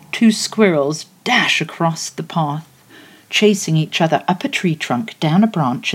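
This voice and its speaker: A woman guides a relaxing visualization with a low, deep voice. She speaks very slowly and lets each phrase settle before moving on. The delivery is soothing and unhurried throughout. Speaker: meditation guide.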